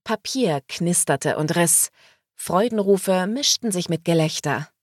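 A woman reading a novel aloud as audiobook narrator, in slow, even storytelling. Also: on the low side, no room sound, studio quality.

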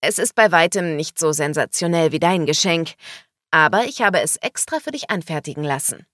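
A woman voicing an excitable, teasing young woman in a storybook, her lines raised and loud. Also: normal speed, dry recording, studio quality. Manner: high, loud, exclaiming.

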